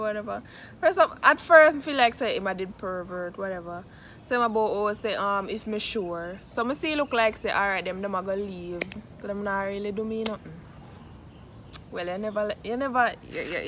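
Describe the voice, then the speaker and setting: A woman with a Jamaican accent telling a casual, gossipy story in Patois, like phone gossip, acting out what was said. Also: mid-range voice. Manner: animated retelling with acted-out quotes in Patois. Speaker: storytelling vlogger. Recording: noisy background.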